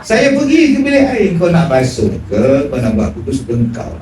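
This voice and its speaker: A man preaching a sermon, telling stories animatedly and acting out dialogue with big swings in pitch. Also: huge pitch swings, moderate pace. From Malaysia. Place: prayer hall. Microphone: phone recording from the audience. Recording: echoey hall from far off with room noise.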